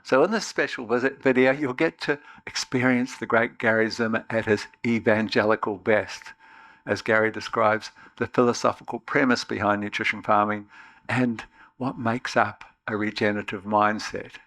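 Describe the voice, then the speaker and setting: A man hosting a video series, giving a measured, scripted introduction with friendly well-wishes. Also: lowish voice, steady tone, fairly bright tone.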